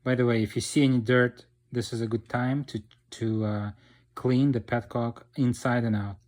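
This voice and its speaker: With a darkish, mid-range voice that barely moves in pitch, this DIY motorcycle instructor talks through a repair at a moderate pace. His informal tutorial narration is explanatory, punctuated by check-ins like "okay" and "right."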